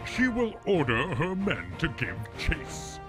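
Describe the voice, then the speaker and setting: A man's voice: on the high side, sing-song, takes it slowly, music in the background, pitched above the performer's own voice. A man reading a bold male military leader's lines aloud through a voice changer, in a commanding, theatrical manner. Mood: scheming. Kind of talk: reading game dialogue aloud with friend.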